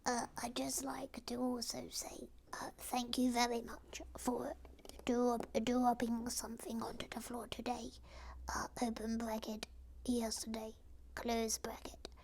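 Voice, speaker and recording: Woman as timid tiny sidekick: breathy polite whisper, high and even, light noise floor. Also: a little slow. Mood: pleading. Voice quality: soft unvoiced whisper. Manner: shy and whispery, asks politely. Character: timid little creature sidekick.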